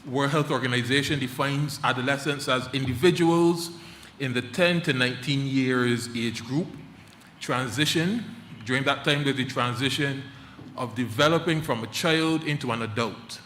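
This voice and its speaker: A man's voice: a little high, moderate pace, a bit bright, a little hiss or hum. A man serves as moderator of a conference panel, setting out the format and introducing speakers in a formal, announcing manner. A faint ambience of the venue sits under his voice. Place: conference hall.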